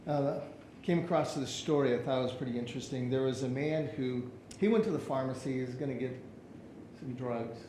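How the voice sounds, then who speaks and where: A man's voice: mid-range voice, brisk, mellow, echoey room, slight background noise, low-quality recording. A man preaching a sermon as pastor, telling stories and acting out the people in them. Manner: storytelling, acts out the people in his stories. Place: church sanctuary.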